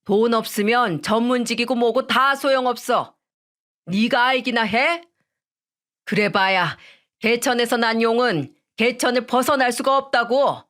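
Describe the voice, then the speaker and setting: A woman voicing an arrogant, wealthy middle-aged man who shouts insults at his daughter's fiancé, in a storybook radio tale. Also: fairly high pitch, pitched above the performer's own voice. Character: arrogant rich middle-aged male in-law.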